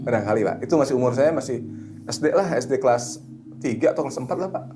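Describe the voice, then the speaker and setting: A middle-aged man who works as a hypnotherapist, chatting casually and telling animated stories, sometimes slipping into a slow, soothing suggestion voice. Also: medium pitch, over music. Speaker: hypnotherapist guest. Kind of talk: casual chat.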